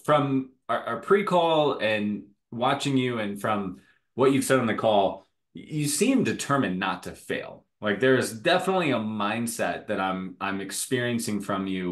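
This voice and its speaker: A man hosting an interview, chatty and enthusiastic, who laughs often. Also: fairly low pitch. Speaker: interview host. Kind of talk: conversational interview.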